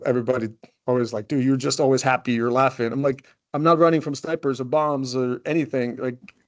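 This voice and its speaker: Man, forties, interview guest, rambling, frequent fillers and restarts. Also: mid-range voice. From Croatia. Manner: loose and rambling, leaning on "you know" and restarts. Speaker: guest, company CEO. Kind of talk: casual interview talk.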